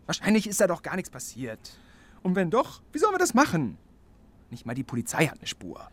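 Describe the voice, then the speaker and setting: A man's voice: high voice, wildly swooping pitch, fairly bright tone, heavily acted. An actor playing a nervous, earnest man who wants to be a superhero, in a radio drama. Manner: nervous, hurried. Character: flustered would-be superhero man, anxious and earnest.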